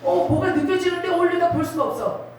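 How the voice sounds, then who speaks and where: A woman's voice: very high-pitched, fairly quick, slight background noise. A middle-aged woman preaching a personal testimony at a revival, telling her story with emotional, dramatic swells. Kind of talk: sermon testimony. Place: large prayer retreat hall. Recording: very echoey hall, voice from far off.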